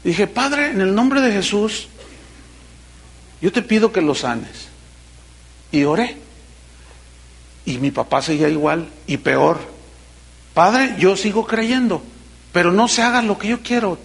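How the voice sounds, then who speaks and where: A middle-aged pastor delivers a sermon in a high-pitched voice. He preaches with animation, slipping into the voices of the people he quotes. Now and then he drops to a sudden hush. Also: animated, unhurried, pauses often.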